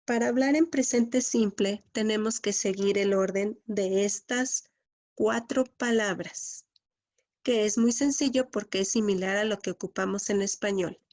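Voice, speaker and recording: Woman, English teacher, patient lesson, repeats key words, slow delivery. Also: mid-range voice, a little mellow.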